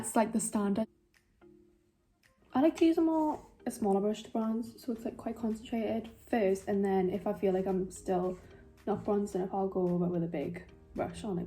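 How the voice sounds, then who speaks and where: A woman's voice: mid-range voice, dark tone. A young woman with a Geordie accent chatting in a rambling, self-mocking way while doing her makeup for a vlog. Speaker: beauty vlogger.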